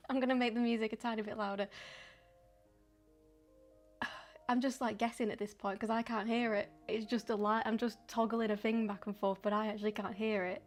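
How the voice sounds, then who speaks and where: A woman in her 20s chats casually and a bit ramblingly while painting on a live stream, with frequent ums and soft laughs. Her voice is a little high with a level tone at normal speed, and soft music plays behind her.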